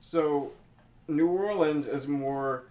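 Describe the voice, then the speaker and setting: A man's voice: fairly high pitch, very slow, a little mellow. A man, chatting casually as an interview guest and rephrasing as he explains things. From Mississippi, United States. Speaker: drag queen guest being interviewed. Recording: echoey room sound.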